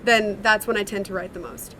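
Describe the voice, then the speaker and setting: A singer-songwriter from a sister duo, this young woman has a mid-range, slightly bright voice with fairly even intonation. She talks a little fast, answering interview questions chattily and reflectively with plenty of fillers. There's slight background noise.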